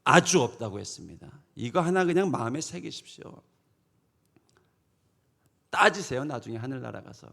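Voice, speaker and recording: A middle-aged male pastor preaching a sermon emphatically, swinging from loud declarations to hushed asides. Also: mid-range voice, sing-song, moderate pace, vocal fry, long pauses.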